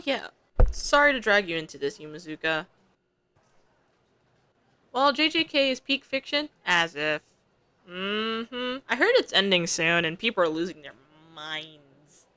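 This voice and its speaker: A woman's voice: fairly low pitch, sing-song, a little slow, long pauses, pushed and bright, clean tone, dry recording. Streamer: young woman, reads game text aloud, slangy asides, dry close sound. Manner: chatty, slangy asides between narration. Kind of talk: reading a visual novel aloud with casual commentary.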